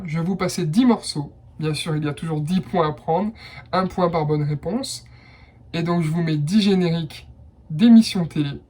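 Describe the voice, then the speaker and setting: A man's voice: sits high, darkish tone. A young man hosting a casual blind test quiz, chatty and enthusiastic, with personal asides between rounds. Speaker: quiz host.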